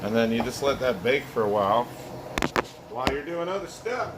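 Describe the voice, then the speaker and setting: A man's voice: mid-range voice, sing-song, moderate pace. A man talking casually through his home cooking in a giggly, loose, tipsy ramble. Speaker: home cook recording a cooking video. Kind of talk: casual cooking vlog talk. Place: home kitchen, indoors. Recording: clear background hum of air conditioning.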